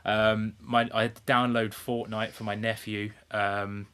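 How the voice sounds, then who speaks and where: Recorded on an internet call, a British podcast co-host talks in a fairly low, flat voice that's a little slow, a bit bright and clean in tone. He keeps things laid-back and casual, swearing and saying "like" a lot.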